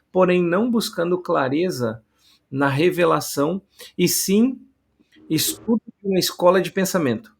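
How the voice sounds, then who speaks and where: A man's voice: on the high side, gravelly, husky. A man hosting a casual podcast, reading listener comments aloud and adding joking asides. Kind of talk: casual theological podcast chat.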